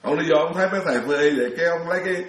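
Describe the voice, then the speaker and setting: Middle-aged monk, storytelling dharma talk, slightly high voice, roomy echo. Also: male voice, rapid-fire. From Vietnam. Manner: chatty storyteller, laughs often, many restarts. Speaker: Buddhist monk lecturer.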